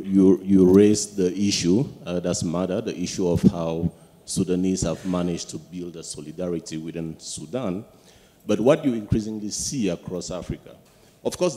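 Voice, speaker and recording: Deep-voiced man asking a question. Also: mellow, big-room sound. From Cameroon. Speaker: audience member asking a question. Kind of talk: audience question. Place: lecture hall audience. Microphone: handheld mic.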